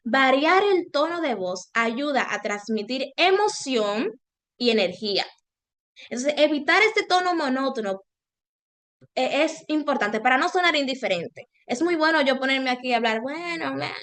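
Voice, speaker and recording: A woman presenting an online webinar, talking to participants over a video call and shifting her loudness and intonation as she goes. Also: high-pitched, measured pace. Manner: expressive, varies loudness and intonation on purpose.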